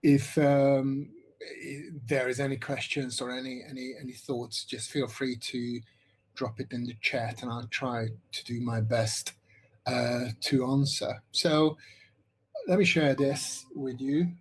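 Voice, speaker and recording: A man's voice: medium pitch, steady tone, slow, breathy edge. Rambling Hungarian-born man lecturing online. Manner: rambling, many fillers and restarts. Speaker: visual effects lecturer. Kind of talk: online workshop presentation.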